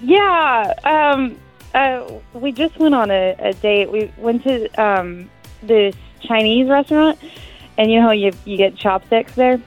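A woman with a high voice talks on a radio call. She tells her story with nervous giggles and plenty of fillers. Faint music plays behind her. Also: measured pace, dull audio. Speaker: caller on a radio dating segment. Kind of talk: phone call chat.

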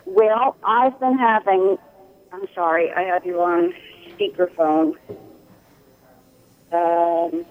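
A woman calling in to a radio show on a speakerphone, talking in a halting, hesitant way. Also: fairly low pitch, fairly even intonation. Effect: speakerphone over a phone line. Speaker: radio caller. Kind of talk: call-in radio question. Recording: tinny phone line.

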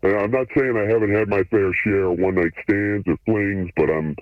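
Man, voice changer pitching him very deep, narrow phone-like sound, dry, laid-back and hesitant. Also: steady tone, brisk, dry recording. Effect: voice changer shifting the voice deep. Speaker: anonymous guest on a radio call-in segment. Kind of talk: casual chat. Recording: phone-like line through a voice changer.

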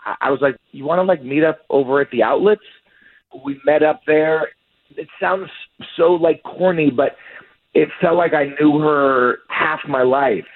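A man's voice comes over a tinny phone line, pitched a little high for a man. He rambles and halts as he talks, a caller on a radio show. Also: measured pace, a little hiss or hum. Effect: heard over a phone line.

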